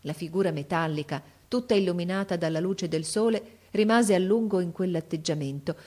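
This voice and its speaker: A woman narrating a storybook tale in a measured, expressive reading. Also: fairly low pitch.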